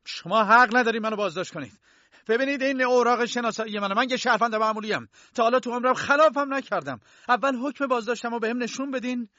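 A man voicing an indignant arrested bank clerk in his thirties, protesting in a shrill, outraged way in a storybook reading. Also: animated, creaky, breathy edge, no room sound, highs cut off. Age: 30s.

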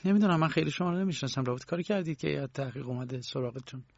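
A man's voice: a little high, creaky, no room sound, muffled recording, pitched above the performer's own voice. A man reading an audiobook, voicing a tired young woman lodger in a raised, tense voice. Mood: indignant.

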